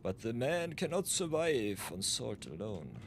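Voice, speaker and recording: A man's voice: medium pitch, sing-song, measured pace, background noise. A man from Austria chatting casually while streaming a game, thinking aloud as he plays. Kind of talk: live gameplay commentary.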